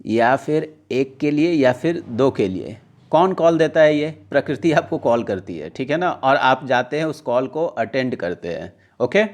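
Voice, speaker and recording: A man teaches English vocabulary to exam students, reading news lines slowly and then explaining them conversationally with checking questions. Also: medium pitch, lively intonation. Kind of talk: casual classroom-style lesson, mixing Hindi and English.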